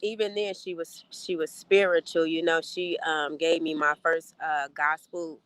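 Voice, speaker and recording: A woman's voice: deep voice, flat delivery, unhurried, fairly bright tone, clear, resonant tone, no room sound. A woman children's book author, a guest on a podcast interview over a video call. She talks unhurriedly with many fillers.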